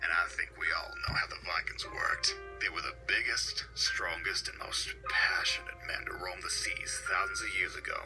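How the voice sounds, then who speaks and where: Breathy, deep-voiced man in mock-sultry whisper. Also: normal speed, few pauses. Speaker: video narrator. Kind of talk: mock-seductive whispered countdown. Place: home. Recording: voice-over with loud music behind.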